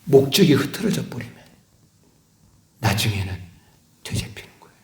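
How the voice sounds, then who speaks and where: A middle-aged male pastor preaching a sermon, swinging between loud emphasis and hushed whispers. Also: mid-range voice, sing-song, normal speed. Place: church sanctuary. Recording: echoey church hall.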